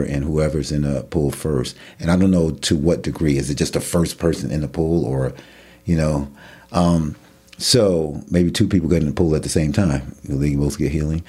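A man's voice: rumbling low, normal speed, slightly rough. A man in a casual Bible discussion, talking loosely and acting out imagined bystanders. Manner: animated, acts out imagined voices in a rising tone. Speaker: Bible study co-host.

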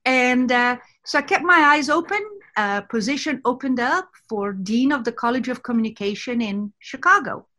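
A woman's voice: a little high, lively intonation, moderate pace, pushed and bright. A woman in her sixties from Egypt, a podcast guest recounting her life in a conversational, storytelling way. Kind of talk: podcast interview, personal story.

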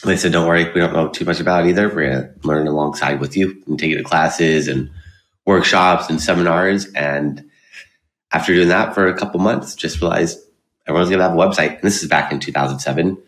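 Male podcast guest, bass-deep pitch, plain conversational answers, noticeably roomy recording. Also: brisk, fairly bright tone. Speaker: podcast guest, digital marketing expert. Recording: roomy, echoey sound.

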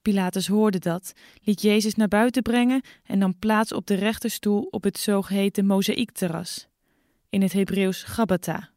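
A woman narrating a dramatized scripture reading in a measured, clear way. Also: mid-range voice, steady tone, darkish tone, no room sound, clean studio sound. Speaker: scripture reader.

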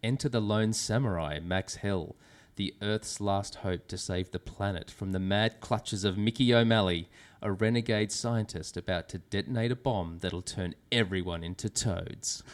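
A man who is a returning guest on a podcast, reading out film synopses in casual chat and laughing at his own lines. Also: on the low side.

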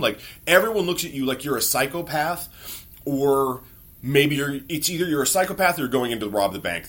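Bright-voiced man telling funny stories. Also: mid-range voice, slightly rough. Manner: frequent swearing, wry self-mocking. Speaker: podcast host. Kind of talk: casual comedic storytelling.

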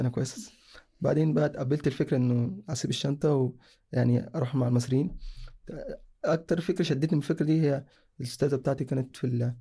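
Rapid-talking young man from Sudan. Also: mid-range voice, gravelly, mellow, breathy edge. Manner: rambling, casual, with self-corrections. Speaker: guest sharing a personal story. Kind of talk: casual personal storytelling.

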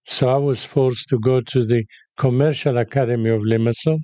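An older man from Cyprus, born in Haifa, interviewed as a guest, telling his story in an unhurried, reflective way. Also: mid-range voice, fairly even intonation, dark tone, no echo. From born in Haifa, raised in Cyprus. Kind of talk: interview conversation.

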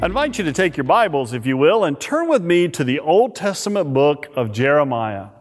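Pastor guy at a pulpit mic, kinda high voice that swings up and down a lot, church echo. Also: sing-song, faint music behind. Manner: reads scripture and prays in a measured, emphatic way. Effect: preaching into a pulpit microphone. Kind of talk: sermon. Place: church sanctuary. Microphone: pulpit microphone. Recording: reverberant church hall.

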